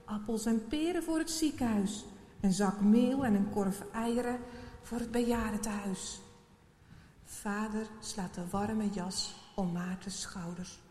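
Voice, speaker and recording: Slow, measured woman storyteller. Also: medium pitch. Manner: slow, measured, expressive reading. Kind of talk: reading a children's Bible story aloud. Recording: roomy hall with faint hiss.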